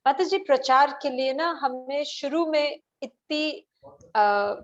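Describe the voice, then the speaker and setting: A woman teaching and giving gentle advice in a devotional question and answer session, mixing English phrases into her speech. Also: sits high, lively intonation, slow, lo-fi sound. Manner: gentle, advising, mixes English into Hindi.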